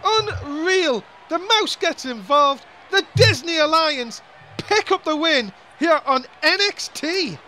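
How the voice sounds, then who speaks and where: A man calling a wrestling match play by play, excitable and quick to grumble. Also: very high-pitched, a little hiss or hum. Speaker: wrestling commentator.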